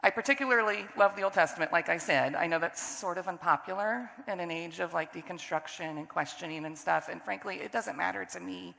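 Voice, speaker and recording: A middle-aged woman with a hoarse, still-recovering voice, giving a conversational sermon as guest preacher, candid and self-deprecating. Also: on the low side, fairly quick, few pauses, bright, forceful tone. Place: church sanctuary. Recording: long church hall reverb.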